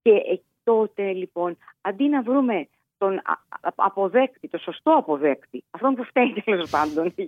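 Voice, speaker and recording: Woman, child psychologist, measured explanatory talk, hesitant restarts, tinny phone sound, dry. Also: medium pitch, lively intonation, no echo. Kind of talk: expert advice on a podcast.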